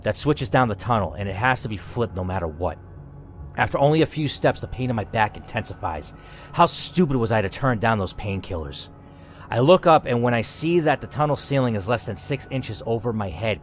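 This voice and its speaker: A man with a lowish voice acts as a gaming host, narrating a scripted story aloud in a dramatic, theatrical style. His expressive reading includes asides. There's slight background noise.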